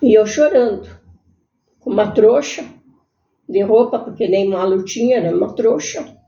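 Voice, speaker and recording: A woman telling her own life story in a halting, earnest way. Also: mid-range voice, gravelly, warm tone. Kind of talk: personal storytelling. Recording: echoey room, muffled sound.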